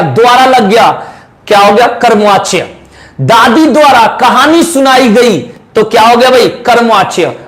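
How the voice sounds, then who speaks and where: A male teacher giving an exam-prep grammar lesson, who quizzes his students with repeated questions and says example sentences slowly. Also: very high voice, a bit bright. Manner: repeats key answers as quiz questions to students.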